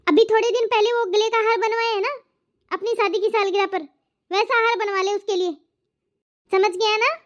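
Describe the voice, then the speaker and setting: Cartoon mother-in-law, nagging and scolding, pitched very high, slightly muffled lo-fi sound. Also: fairly even intonation, normal speed. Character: scolding middle-aged mother-in-law, nagging and sharp-tongued. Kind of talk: cartoon moral story dubbing.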